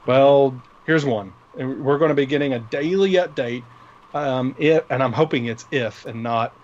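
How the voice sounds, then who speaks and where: A man's voice: mid-range voice, normal speed, darkish tone, muffled recording. A man co-hosting a casual tech news show, talking through product updates in an unscripted way. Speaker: co-host of a live tech show.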